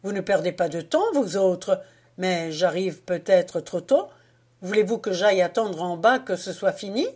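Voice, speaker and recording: A woman reading the part of a boisterous, mocking male sailor, with loud, hearty exclamations, in an audiobook. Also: medium pitch, expressive, a little slow, husky.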